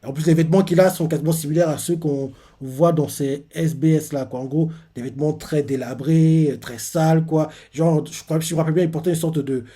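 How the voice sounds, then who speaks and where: A man's voice: fairly high pitch, steady tone, a little fast, few pauses, warm tone. A man hosting a live manga reaction. He retells a comic chapter in casual, rambling talk full of filler words and restarts.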